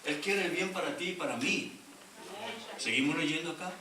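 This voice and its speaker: A man's voice: fairly high pitch, moderate pace, a crowd in the background. A middle-aged male pastor preaching a sermon, reading scripture aloud and calling on the congregation to answer back. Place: church sanctuary. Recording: echoey church hall from far off, congregation audible.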